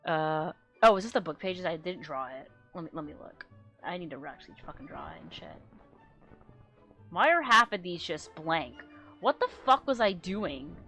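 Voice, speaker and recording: A woman streamer talks to her chat in a low, casual voice, rambling and cursing freely. Her pitch swings widely, sometimes dropping to a mutter. Faint music plays behind her. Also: animated, moderate pace, sharp tone. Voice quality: low natural voice. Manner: rambling and profane, trails off into mumbles.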